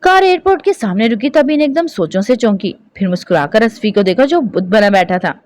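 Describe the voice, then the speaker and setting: A woman narrating a romance novel in an expressive, emotive reading style. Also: fairly high pitch, fairly quick, no room sound.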